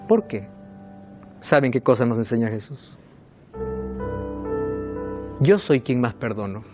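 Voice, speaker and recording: A preacher delivers an emotional sermon, the voice rising and falling widely as it retells stories. Rhetorical questions go out to the congregation, and key phrases are repeated for emphasis. Soft music plays faintly in the background. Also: mid-range voice, big pitch swings, takes it slowly.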